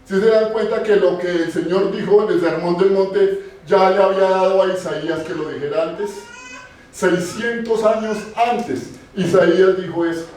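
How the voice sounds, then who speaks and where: A man's voice: high-pitched, steady tone, normal speed, darkish tone. A male pastor preaching a sermon, putting questions to the congregation and repeating key phrases for emphasis. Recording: echoey church from far off.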